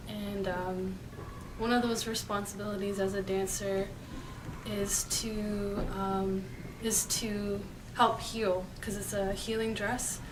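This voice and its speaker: A woman from Canada's East Coast answering interview questions earnestly, with many fillers. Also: medium pitch. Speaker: student and dancer interviewee. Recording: distant mic, clear background noise.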